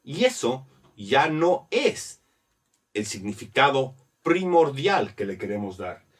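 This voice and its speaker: A man teaching a grammar lesson, explaining slowly step by step and spelling letters out. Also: medium pitch, big pitch swings, recorded from a distance. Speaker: Spanish teacher.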